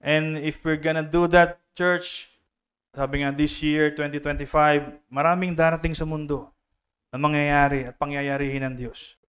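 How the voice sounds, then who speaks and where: High, smooth-voiced Filipino preacher. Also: male voice, level tone, unhurried, a bit bright. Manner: addresses congregation directly, mixing Filipino and English. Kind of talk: sermon. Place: church service.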